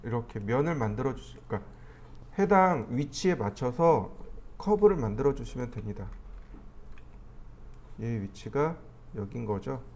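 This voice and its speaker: A man teaching a 3D modeling class, explaining each step as he clicks through the software. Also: medium pitch, sing-song, moderate pace, long pauses, a little hiss or hum. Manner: step-by-step explaining, thinking aloud while clicking. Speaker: 3D modeling instructor. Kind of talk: screen-recorded software tutorial.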